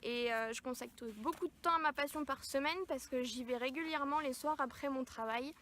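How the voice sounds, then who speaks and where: Hesitant French-speaking woman, fairly high voice. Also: a bit bright, slight background noise. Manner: hesitant, many filler pauses. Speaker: vlogger answering viewer questions. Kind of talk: casual chat. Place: near horses at a stable.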